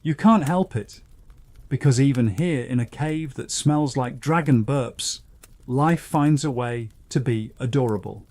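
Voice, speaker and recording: A man gently narrating a scripted bedtime science story, guiding the listener in a soothing second-person voice. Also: medium pitch, unhurried, no room sound.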